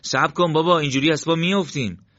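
A man's voice: mid-range voice, expressive, bright, forceful tone, dry recording, highs cut off, voice pushed up. A man voicing a young man who dodges questions and urges someone along in a storybook reading. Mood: evasive. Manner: evasive, urging. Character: young man, evasive and hurried brother.

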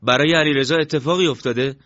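A man's voice: mid-range voice, big pitch swings, fairly bright tone, dry recording, dull audio, pitched above the performer's own voice. A man voicing a young man who keeps pressing anxious questions in a storybook reading. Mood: frightened. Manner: pleading, demanding questions.

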